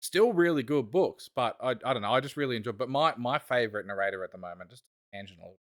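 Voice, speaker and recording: A man's voice: medium pitch, lively intonation, fast talker, fairly bright tone. A man co-hosting a casual podcast chat, rambling enthusiastically and often trailing off mid-thought. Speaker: podcast co-host.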